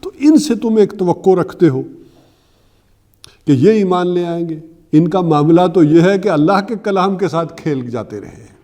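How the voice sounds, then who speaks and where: A male Quran teacher gives a religious lecture, explaining scripture step by step, slowing to recite verses and posing rhetorical questions. His voice is high-pitched, expressive and mellow.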